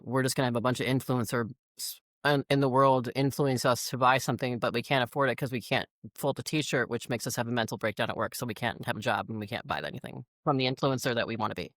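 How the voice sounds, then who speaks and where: A middle-aged woman with a very deep voice is a guest in a casual podcast chat. She sounds wry and a bit crotchety, poking fun at herself as she grumbles. Her voice comes through dry and close to the mic. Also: no echo. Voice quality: deep voice, called sir on the phone. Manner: wry, grumbling, self-deprecating.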